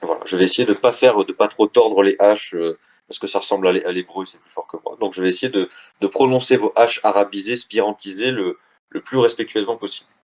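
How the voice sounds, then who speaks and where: A man's voice: lowish voice, quick pace, a little mellow. A man with a tired voice giving a live online lecture about a book, speaking hesitantly with frequent restarts and casual asides.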